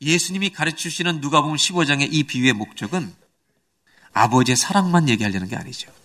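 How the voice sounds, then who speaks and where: Man, middle-aged, pastor preaching, fairly high voice, questions the congregation, shifts between hushed and fervent. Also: fast talker. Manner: swings from low intimate tones to high animated exhortation; asks the congregation questions and acts out scripture voices. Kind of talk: sermon.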